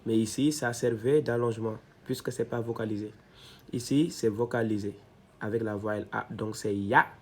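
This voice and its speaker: A man teaching a reading lesson step by step, patient and repeating each syllable slowly so learners can follow. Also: lowish voice, fairly even intonation, slight background noise. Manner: slow, patient, repeats syllables to model them.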